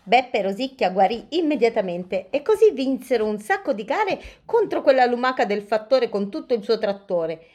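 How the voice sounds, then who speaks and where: A woman hosting and reading a children's story aloud in a lively, playful, sing-song way. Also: a little high, normal speed, few pauses. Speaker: storyteller host.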